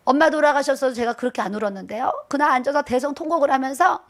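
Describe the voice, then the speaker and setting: A middle-aged woman preaching a sermon as a pastor's wife. Her voice sits high for a woman. She drives her points home with repetition and lightens them with chuckling, self-deprecating asides. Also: very fast.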